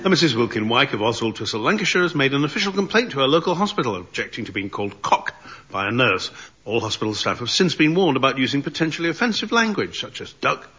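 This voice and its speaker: A man's voice: mid-range voice, sing-song, fast talker, sharp tone, husky. A man hosting a comedy quiz, reading odd news stories in a dry, precise way. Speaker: quiz show host. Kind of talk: dry comic news delivery. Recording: dull broadcast audio, studio audience.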